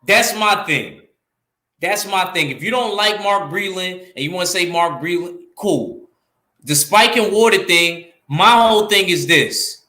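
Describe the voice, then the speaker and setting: Co-hosting a laid-back boxing podcast, a New York-accented man speaks in a high voice at a measured pace, in an echoey room. He's animated and emphatic, repeating lines to drive his point home.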